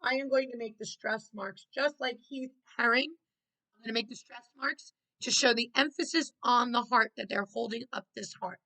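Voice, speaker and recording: A woman's voice: fairly high pitch, moderate pace, pushed and bright, poor audio. A woman art teacher leading children through a step-by-step drawing lesson, encouraging them with praise and prompts.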